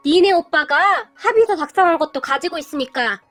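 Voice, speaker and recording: Woman putting on a shrill, snobbish rich mother. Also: expressive, fairly quick, no echo, faint music behind. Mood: scornful. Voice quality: sneering, scornful. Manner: yelling, contemptuous.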